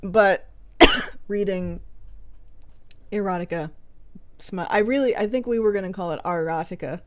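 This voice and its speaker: A woman in easy, casual chat as a podcast co-host, her voice sitting at a middle pitch for a woman. She is chatty, often breaks into laughter and lets sentences trail off. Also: unhurried.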